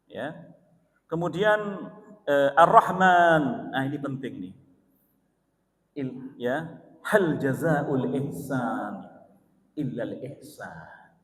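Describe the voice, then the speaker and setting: Lively preacher in an echoing mosque hall. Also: male voice, mid-range voice. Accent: Indonesian, East Javanese. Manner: lively storytelling, swings from loud exclamations to soft asides. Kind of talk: mosque sermon with personal story. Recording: long reverb of a mosque hall.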